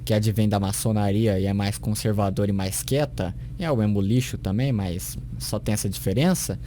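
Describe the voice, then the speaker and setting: A man's voice: on the low side, moderate pace, dark tone, a little hiss or hum. A man commenting critically on a sermon clip, sarcastic and scornful, with a mocking tone.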